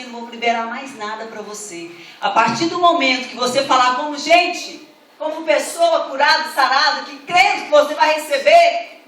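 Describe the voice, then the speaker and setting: A stern male pastor lays down the law in a firm, lecturing tone, as a woman preacher puts him on. His voice sits lower than her own and comes from far off in a roomy church hall. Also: fairly bright tone, a little hiss or hum, lightly acted.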